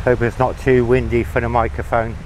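Male travel vlogger, mid-pitched, relaxed chatty walk-and-talk, windy outdoor camera-mic sound. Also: brisk. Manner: chatty, relaxed running commentary. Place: outdoors on a windy beach promenade. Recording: wind and outdoor noise on the mic. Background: sea, wind and passing traffic.

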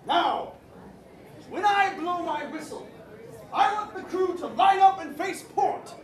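A woman playing a bossy, playful pirate captain on stage, booming and teasing the audience in a live show. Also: expressive, slow pace, heavily acted. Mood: drilling recruits. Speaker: stage actor. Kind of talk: live interactive theatre. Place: indoor theatre, live audience. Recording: echoey hall from far off with audience.

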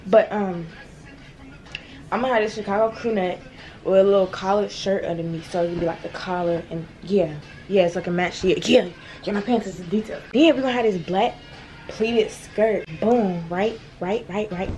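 Faint music plays behind this teen girl as she talks to her arm's-length phone camera, chatty and playful with quick asides and laughter. Her medium-pitched voice is fairly even and a bit mellow, and the vlog moves from her bedroom at home to a large store.

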